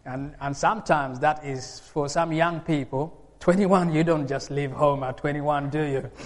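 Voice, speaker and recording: A Ugandan man in his forties preaches a sermon to a congregation, his fairly high voice climbing into emphatic bursts of laughter. His tone stays steady and his pace unhurried, and the long reverb of a church hall rings around him.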